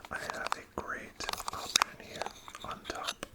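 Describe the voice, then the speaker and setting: A whispered role-play in a breathy, unvoiced whisper, as a gentle, attentive shop assistant encouraging a customer. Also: takes it slowly. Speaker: ASMR performer playing a card shop assistant.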